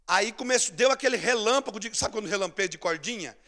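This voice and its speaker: A man with a Brazilian Portuguese accent preaching a sermon, acting out scenes, swinging between shouts and hushed asides. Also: sits high, animated, quick pace. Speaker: pastor. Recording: long church hall reverb.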